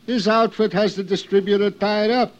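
A man playing a rude, gruff liquor store owner in a 1950s radio drama, talking in street slang. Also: high-pitched, fairly even intonation, normal speed, close to an everyday voice. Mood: grumbling. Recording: dull old radio broadcast.

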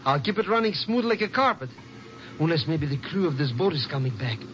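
An actor playing an excitable, folksy comic sidekick in an old radio drama, full of colourful sayings. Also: male voice, a little high, a little fast, faint music behind. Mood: chatty, eager. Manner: colourful similes and mangled sayings. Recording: noisy, muffled vintage radio recording.

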